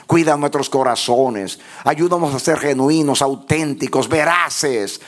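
A pastor leading a fervent prayer in church, moving between hushed low pleas and raised impassioned cries. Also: male voice, a little slow.

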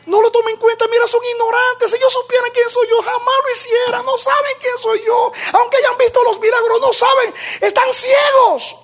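A man's voice: level tone, moderate pace, few pauses, a bit bright. A man playing Jesus crying out from the cross. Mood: pleading. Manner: high, strained pleading cries. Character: Jesus on the cross, pleading for forgiveness.

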